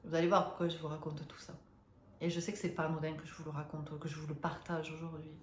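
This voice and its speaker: Woman, 50s, low voice, halting confiding storyteller, echoey room. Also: flat delivery, slight background noise. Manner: hesitant, many fillers and restarts; emotional, confiding. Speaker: spiritual vlogger. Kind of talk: personal storytelling to viewers. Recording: roomy echo.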